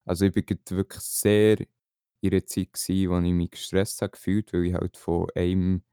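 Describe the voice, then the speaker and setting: A young man talks casually as a podcast co-host. His voice is low, mellow and very smooth, in a relaxed delivery. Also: fairly quick, no room sound, studio quality. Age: late teens.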